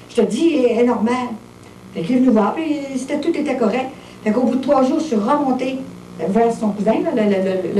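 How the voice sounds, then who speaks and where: A woman's voice: mid-range voice, mellow, slight background noise. A Québécois woman in her fifties, giving a plain-spoken personal testimony full of little fillers. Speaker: testimony speaker. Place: monastery room with visitors. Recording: roomy echo, distant mic, faint ambience.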